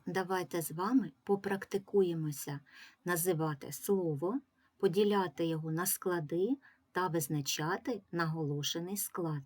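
A woman's voice: lowish voice, a little mellow, husky. A woman teacher giving a reading lesson to young children, patiently sounding out words syllable by syllable. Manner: slow, patient, drawing out syllables. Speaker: primary school teacher.

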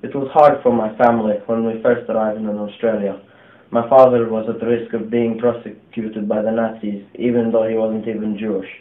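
A man's voice: lowish voice, natural voice. A young man playing an old migrant remembering. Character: young man voicing an elderly migrant scientist recalling childhood. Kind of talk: read first-person testimony. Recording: echoey room, tinny phone-like sound.

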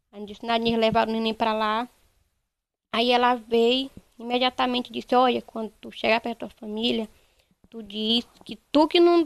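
A young woman, giving a halting, repetitive first-person account in a news interview. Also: fairly high pitch, no echo. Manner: halting, repetitive retelling, quoting others. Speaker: interviewee, bereaved mother.

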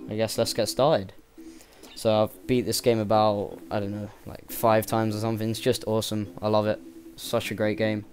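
A young man talks over a game in a loose, rambling commentary. His voice sits a little low, and his excitement comes through in frequent swearing and gushing praise. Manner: rambling and enthusiastic, swears freely. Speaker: let's play gamer. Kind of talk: casual gameplay commentary.

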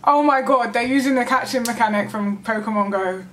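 A woman gaming vlogger reacting live to a trailer, gushing and excitable, with squeals and gasps. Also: on the high side, brisk.

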